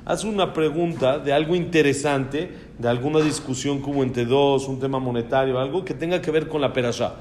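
A man's voice: mid-range voice, brisk, few pauses, darkish tone, slight background noise. Man teaching with admiring repetition. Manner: admiring, repetitive phrasing with frequent restarts. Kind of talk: informal Torah class talk.

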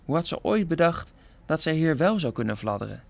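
A man from a theatre group calmly reading a children's story aloud with gentle expression. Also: fairly high pitch, brisk, vocal fry.

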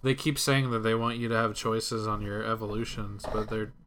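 A man's voice: on the low side, fairly even intonation, normal speed, fairly bright tone. A man co-hosting a casual gaming podcast, talking in a critical, complaining way. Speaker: podcast co-host.

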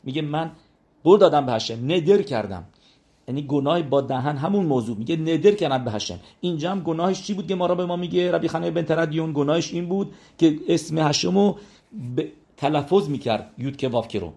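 A man teaching a Talmud lesson, retelling the stories in a lively storytelling way and often repeating "he says". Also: on the high side. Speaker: religious teacher.

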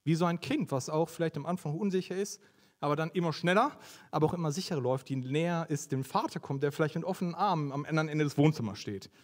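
A man's voice: on the high side, quick pace. A young man preaching a conversational sermon, asking his listeners questions as he goes. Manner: lively, conversational, asks the audience questions.

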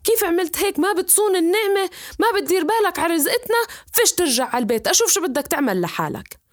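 A woman's voice: extremely high pitch, sing-song, rapid-fire, voice pushed up. A woman voicing an angry fisherman father scolding his son. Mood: furious. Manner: scolding, shouting.

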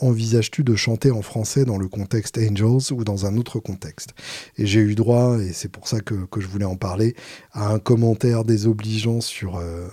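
A man's voice: lowish voice, warm tone, slightly rough, no echo, clean studio sound. A man who sings in a band, talking casually to his viewers, hesitant with many fillers and restarts, wry and self-mocking. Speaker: singer in a band. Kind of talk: casual talk answering viewer questions.

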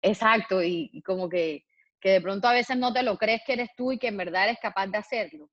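Being interviewed as a public figure, a woman with a mid-range voice responds slowly and thoughtfully, hesitating often with frequent fillers and restarts. The recording has no echo but is muffled.

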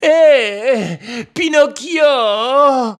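A reader voicing an old scheming male fox who begs in a whiny, drawn-out voice. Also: medium pitch, lively intonation, voice pushed up. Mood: whining.

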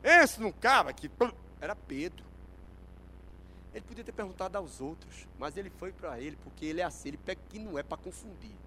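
A man preaching a sermon in a high, bright voice that leaps up and down in pitch. He moves from quiet asides to full shouted exclamations. A faint hiss runs under his voice. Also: lively intonation, brisk, poor audio. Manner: emphatic, swings from hushed to shouted exclamations. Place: church service.

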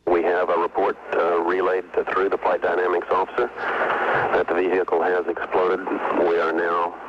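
A man making official status announcements from mission control, halting and full of fillers, heard through a relayed radio transmission that sounds like a sci-fi communicator. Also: low-pitched, monotone. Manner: halting, filler-heavy delivery. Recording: dull lo-fi radio feed with faint hiss.

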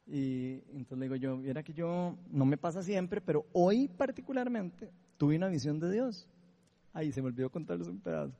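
A Costa Rican man preaches through a personal story, checking in with his listeners as he goes. His voice sits high but sounds mellow and dark in tone. The sound carries a long, echoey hall reverb. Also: expressive, normal speed, gravelly, highs cut off. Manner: storytelling, often asking the listeners for agreement. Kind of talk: sermon testimony.

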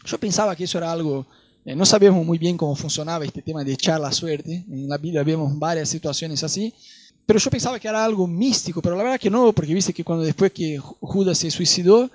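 Male Rioplatense preacher, high-pitched, animated storyteller, dry sound. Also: fast talker, no room sound. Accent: Rioplatense Spanish. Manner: animated, laughing storyteller, voices quoted people. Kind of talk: sermon with personal storytelling.

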